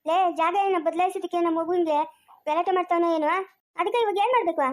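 A woman acting a fussing, quarrelsome village woman in a homemade family drama, with a rural Chikkaballapur Kannada accent. Her voice sits very high and she talks fast. She scolds, exclaims and repeats her questions. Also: fairly even intonation. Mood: fretful.

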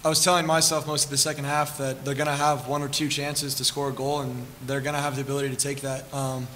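A man's voice: medium pitch, flat delivery, fast talker, pushed and bright. A man in his twenties with an American accent, a college goalkeeper answering questions in a post-game interview. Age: 20s. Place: press conference table with backdrop. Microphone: table stand microphone. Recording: reverberant hall, faint room noise.

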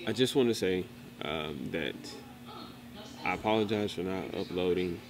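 A young man vlogging on a road trip, talking softly and haltingly with many fillers into a handheld camera at arm's length. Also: sits low, background noise. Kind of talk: casual travel vlog.

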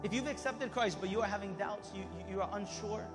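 Speaking quickly in a high voice, a man in his thirties gives an impassioned, exhorting sermon from a church stage to the assembled congregation. He leaves pauses for an interpreter, and worship music can be heard behind him.

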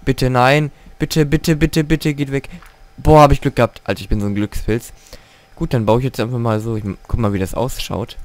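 Brief: man, casual let's-play gamer at home, mid-pitched, excitable and cursing at the game. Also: brisk. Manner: excitable, swears and grumbles at the game. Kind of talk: casual gameplay commentary.

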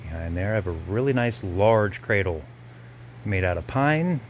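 Man calling out auction lots, low-voiced. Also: animated, slight background noise. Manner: brisk item-by-item listing. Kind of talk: walkthrough auction preview. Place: large auction gallery warehouse. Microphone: handheld phone camera.

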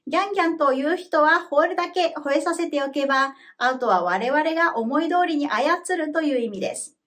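High-voiced woman teaching a language. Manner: slow, careful model pronunciation for repeating; clear, measured explanations. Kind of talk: scripted lesson narration.

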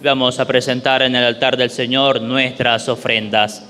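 Young male priest, solemn liturgical delivery, bright and projected, in a reverberant church. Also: medium pitch, little pitch movement, measured pace. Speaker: priest at Mass. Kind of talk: solemn liturgical recitation and prayer. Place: inside a small church. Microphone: handheld microphone through church speakers. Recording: echoey church hall, long reverb, background noise.

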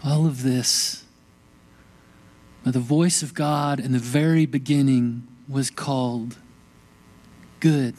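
A male pastor preaching a sermon in a church service, speaking slowly and deliberately and dropping to a hushed whisper on key words. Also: medium pitch, steady tone. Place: church sanctuary during a worship service.

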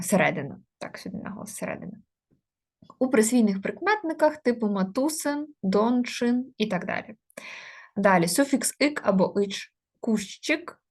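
A woman teaching an online grammar lesson. She explains step by step with many hesitation fillers and slows down to spell out example words. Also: on the high side.

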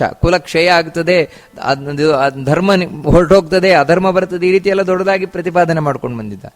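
A man giving a religious discourse on scripture, repeating phrases and asking rhetorical questions. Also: high voice. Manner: chants verses slowly in song. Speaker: spiritual teacher.

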